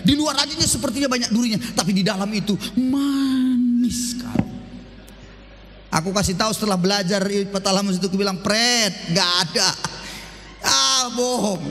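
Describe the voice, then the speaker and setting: A man's voice: high voice, long reverb tail, a little hiss or hum. A male pastor preaching a joking sermon, acting out husbands' and wives' voices. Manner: lively, joking, acts out spouses' voices. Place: church.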